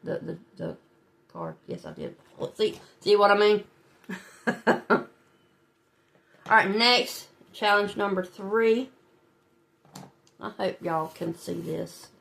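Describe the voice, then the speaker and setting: Speaking slowly in a sing-song, creaky, fairly bright mid-range voice with long pauses, this woman hosts a budgeting channel. Congested from a head cold, she talks chattily to viewers and laughs softly as she works through her savings challenges.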